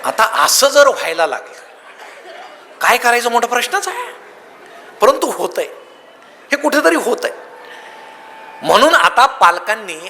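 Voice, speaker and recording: Male motivational speaker with a sharp, bright tone, full of lively storytelling, recorded in a big reverberant hall. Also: high voice, a little hiss or hum. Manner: lively storytelling with comic anecdotes. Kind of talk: humorous public speech.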